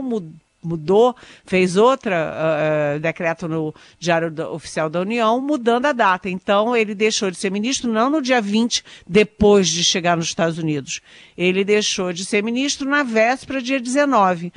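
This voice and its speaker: A woman's voice: mid-range voice, no room sound. Woman, ironic political commentator. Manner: ironic, emphatic, repeats herself with fillers.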